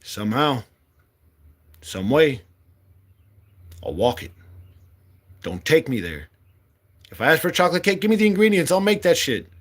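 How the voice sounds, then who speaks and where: Pausing often, a man in his late forties speaks at a moderate pace with a slightly high voice and lively intonation. He is a political candidate delivering an impassioned, blunt monologue laced with curse words.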